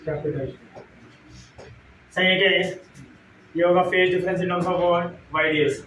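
A physics teacher with an Indian accent lectures his class, quizzing students constantly, repeating questions, and mixing Hindi with English. His voice is high and fairly bright, his pace slow, and his intonation fairly even. The recording comes from an echoey classroom with a distant mic and slight background noise.

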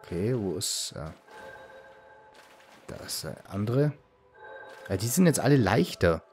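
A man casually commenting on his gameplay as a let's play host, relaxed and often muttering asides to himself. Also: fairly low pitch, measured pace, soft background music.

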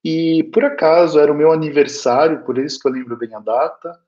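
A man's voice: a little high, brisk, darkish tone. A Brazilian man giving a spiritist lecture, telling a personal story with earnest feeling and often turning to speak directly to his listeners. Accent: Brazilian Portuguese. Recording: dull lo-fi recording.

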